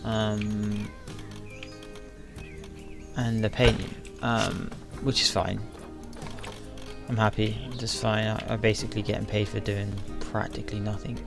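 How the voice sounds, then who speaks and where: A man's voice: fairly low pitch, little pitch movement, a little slow, gravelly, long pauses, music in the background. A sleepy, yawning man rambling to himself with lots of fillers as he builds in a game. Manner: rambling, self-talking, frequent fillers. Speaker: gaming video creator. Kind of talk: casual commentary while building in a game.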